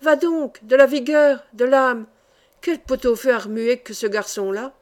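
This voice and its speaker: A woman's voice: on the high side, moderate pace, natural voice. A woman reading an audiobook voices a bad-tempered, fat, middle-aged male singing teacher who barks and scolds. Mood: exasperated. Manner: loud, barking, scolding.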